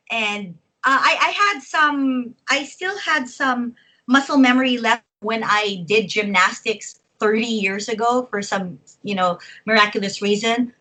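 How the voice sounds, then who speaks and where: A Filipino wrestler in her forties chats casually as an interview guest, laughing often between phrases. Her voice is fairly high and sharp, and the recording is rough.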